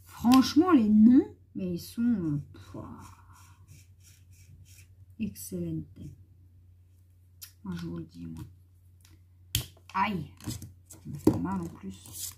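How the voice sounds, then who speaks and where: A woman's voice: mid-range voice, expressive, slow pace, long pauses, noisy background. A woman chatting casually in a haul vlog, thinking aloud as she tests colors and talking familiarly to her viewers. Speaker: YouTuber presenting art markers.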